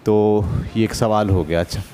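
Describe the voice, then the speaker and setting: A man's voice: fairly low pitch, fairly even intonation, moderate pace, warm tone, slight background noise. A man teaching a basic math lesson to adults, patient and often checking that the class follows. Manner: patient, asks checking questions.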